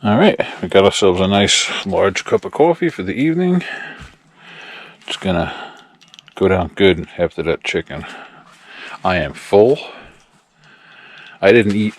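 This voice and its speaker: Low-voiced guy talking to camera outside by his campfire, laid back and friendly. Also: unhurried, long pauses, husky, no room sound. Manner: relaxed, friendly, addresses viewers directly. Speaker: camping vlogger. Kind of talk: casual vlog talk to camera. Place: outdoors at a campsite by a campfire.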